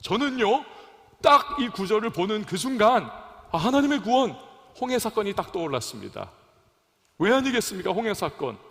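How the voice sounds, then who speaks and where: A young male pastor preaching a sermon in a church, calling out questions to the congregation and swinging between loud emphasis and soft drops. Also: high voice, sing-song, moderate pace, creaky, in a large hall. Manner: preaching with call-and-response to congregation. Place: church sanctuary.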